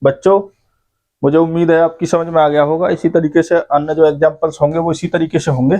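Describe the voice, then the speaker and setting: Explaining English grammar step by step to school students, a man keeps tossing in "ठीक है भाई," or "okay, brother." His voice is on the high side but dark in tone, with little pitch movement and a fairly quick pace.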